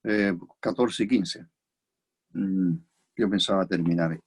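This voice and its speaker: A man's voice: deep voice, measured pace, breathy edge. A man with a Chilean Spanish accent preaching an expository sermon, reflective and repeating key phrases for emphasis.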